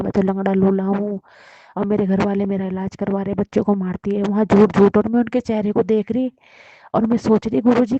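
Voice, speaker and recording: A woman sharing a personal testimony, telling her story in a plain, emotional way that often drops soft and low. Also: no echo, highs cut off.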